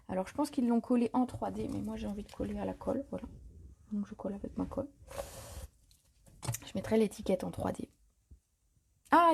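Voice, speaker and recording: A woman with a creaky, husky voice on the high side hosts a live paper-craft tutorial. She's chatty and relaxed, improvising as she works, with plenty of fillers and self-corrections.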